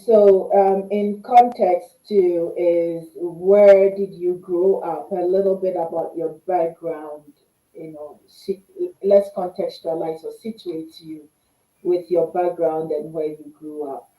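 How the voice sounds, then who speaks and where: Slow, dark-voiced woman host. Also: fairly low pitch. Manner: slow, deliberate questions. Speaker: podcast host. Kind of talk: interviewing a guest. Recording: roomy sound, far from the mic.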